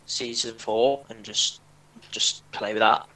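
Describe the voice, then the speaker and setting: A man's voice: fairly low pitch, steady tone, takes it slowly, far from the mic, low-quality recording. A young man co-hosting a casual chat about games, laid-back and easygoing. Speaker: co-host. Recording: bright voice heard from off the mic.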